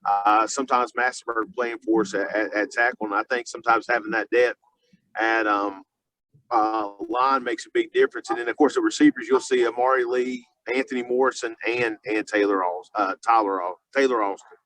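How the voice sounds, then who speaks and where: A high school football coach speaks off the cuff in a sports interview, his bright, forceful voice halting and restarting phrases amid lots of filler. The audio quality is poor.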